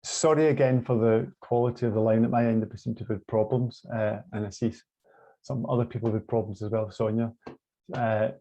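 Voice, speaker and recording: Gravelly Scottish man lecturing online. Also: medium pitch, dark tone. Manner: hesitant, many fillers and restarts. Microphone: video call. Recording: muffled lo-fi online call audio.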